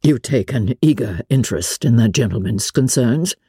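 A woman voicing a proud, haughty gentleman from a novel, speaking in a formal, measured and disdainful manner. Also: extremely low pitch, expressive, breathy edge, dry recording, clean studio sound, full character voice. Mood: contemptuous. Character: proud, haughty wealthy gentleman, contemptuous and stiff.

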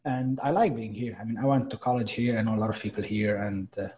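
A middle-aged man from Lebanon, a business owner talking as an interview guest in a reflective, halting way with repeated words. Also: lowish voice, darkish tone, dull audio. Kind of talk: conversational interview.

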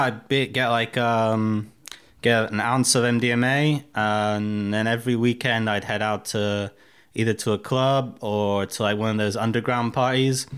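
A clear, resonant, medium-pitched voice belongs to a Russian man in his thirties being interviewed casually. His accent mixes Russian, American and English, and he talks frankly and profanely, packing his speech with fillers.

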